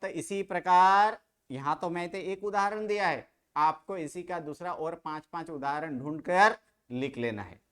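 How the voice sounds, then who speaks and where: A teacher giving a classroom grammar lecture, constantly quizzing students and slowly repeating their answers back. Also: mid-range voice, fairly bright tone, smooth.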